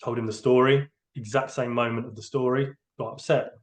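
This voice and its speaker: A man's voice: medium pitch, steady tone, brisk. A man, a train driver giving a candid, hesitant personal account in a podcast interview. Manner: hesitant, open, emotionally candid.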